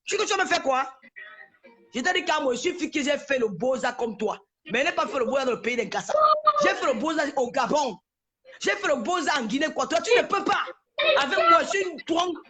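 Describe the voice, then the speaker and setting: A woman's voice: high-pitched, animated, a little fast, fairly bright tone, a little hiss or hum. A woman, hurling insults in a confrontational live-stream rant. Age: 40s. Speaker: social media personality.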